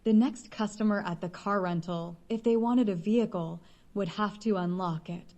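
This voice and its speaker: A woman narrating a science-fiction audiobook in a steady, measured reading. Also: medium pitch.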